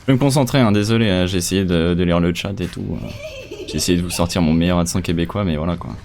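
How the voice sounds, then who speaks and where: A man's voice: deep voice, quick pace, a little mellow. A man from France, a streamer chatting casually and somewhat distractedly with his viewers while he speedruns a game, often poking fun at himself. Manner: chatty, distracted, self-mocking. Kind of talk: casual commentary while playing.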